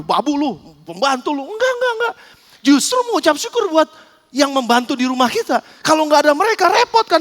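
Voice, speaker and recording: A male pastor preaching a sermon, telling a story in a lively way and often calling out to the congregation directly. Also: very high voice. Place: church hall. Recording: echoey church hall.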